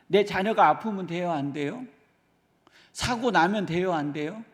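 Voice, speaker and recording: A man's voice: fairly high pitch, vocal fry. A male pastor giving an early-morning sermon, earnestly asking his congregation rhetorical questions. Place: church sanctuary. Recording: reverberant church hall.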